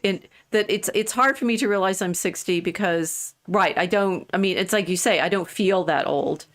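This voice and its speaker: A woman's voice: mid-range voice, moderate pace. A woman in her sixties co-hosting a livestream, talking in a rambling casual way with many restarts. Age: 60s. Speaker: co-host of a livestream. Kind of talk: casual chat.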